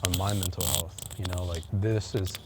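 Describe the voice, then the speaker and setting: Guy vlogging on his walk, kinda low voice, rambly, lots of ums, wind blasting the phone mic. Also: fairly even intonation, normal speed. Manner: rambling, hesitant, many fillers and restarts. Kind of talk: casual chat while walking. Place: outdoors on a windy walk. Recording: loud wind noise on the mic.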